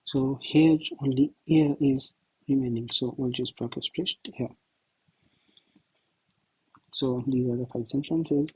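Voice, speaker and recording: A man tutoring German in a slow, think-aloud walkthrough, who is not a native speaker of German. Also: medium pitch, mellow, husky, no echo, muffled recording. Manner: slow, thinking aloud while writing answers. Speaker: language tutor. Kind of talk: self-study lesson walkthrough.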